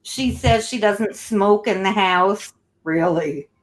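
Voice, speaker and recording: A woman's voice: mid-range voice, slow pace. A woman hosting a casual commentary chat, blunt and scornful about the person discussed. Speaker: channel host.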